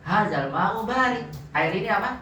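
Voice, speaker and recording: A man's voice: sits high, lively intonation, moderate pace, crowd noise. A male Arabic teacher patiently drilling phrases for his students to repeat. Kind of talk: online Arabic grammar class. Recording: echoey, distant, dull lo-fi sound with faint noise.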